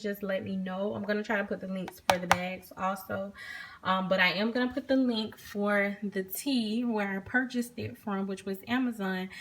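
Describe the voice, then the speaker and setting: A young adult woman casually reviewing a product she uses, rambling with many ums and restarts, recorded on her phone. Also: mid-range voice.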